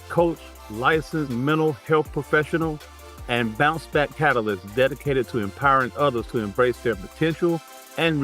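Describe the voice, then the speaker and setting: A man hosting his podcast, reading a formal guest introduction and then asking questions in an upbeat, encouraging way. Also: medium pitch. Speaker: podcast host. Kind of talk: interview hosting.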